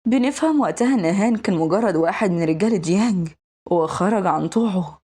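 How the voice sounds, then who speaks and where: A woman with an Egyptian Arabic accent, briskly narrating a drama recap. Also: mid-range voice, animated, warm tone, husky.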